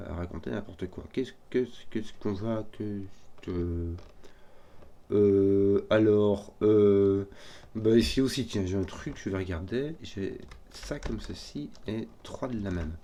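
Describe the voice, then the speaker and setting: A man solving a number puzzle out loud, hesitant and often correcting himself as he works through it. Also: fairly low pitch. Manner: hesitant, self-correcting, halting. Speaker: puzzle solver. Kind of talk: thinking aloud while solving a puzzle.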